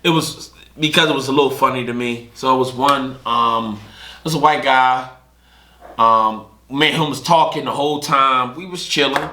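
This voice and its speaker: A young man hosts a podcast, telling casual stories in a mid-range voice at normal speed. He is an animated storyteller who acts out other people's lines, recorded in an echoey room.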